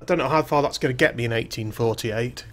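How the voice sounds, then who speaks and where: A man's voice: mid-range voice, fast, a bit bright. A man streaming a game, reading the on-screen text aloud and adding wry, jokey asides in a casual let's-play style.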